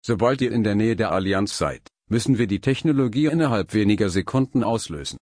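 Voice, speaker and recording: A man reading the lines of a calm male scientist leading a mission, measured and urgent. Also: fairly low pitch, no room sound, studio quality.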